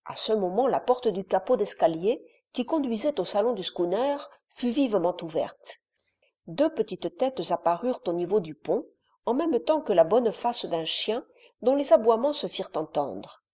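A woman reading a classic adventure novel aloud in a measured, dramatic storytelling manner. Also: mid-range voice, animated, warm tone. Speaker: audiobook narrator.

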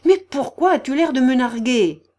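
A furious older noblewoman , put on by a woman reader, pitched well above the reader's own voice and loud. She scolds in shrill bursts, domineering and quick to anger, in an audiobook reading. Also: lively intonation, lightly acted. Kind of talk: audiobook character voice.

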